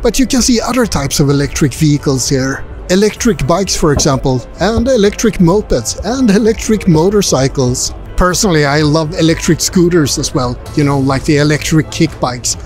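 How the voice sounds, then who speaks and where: A travel vlogger in his forties wanders a busy indoor car expo hall, chatty and upbeat, quizzing visitors through a furry handheld mic held close to his face, with voice-over narration mixed in. His voice sits on the high side and is animated and slightly mellow, moving at normal speed with few pauses while faint music plays behind.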